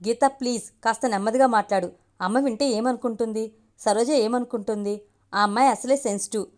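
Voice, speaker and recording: A woman voicing an earnest, gentle young man in an audio story. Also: a little high, a little fast, close to an everyday voice. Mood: pleading. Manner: soothing, reasoning.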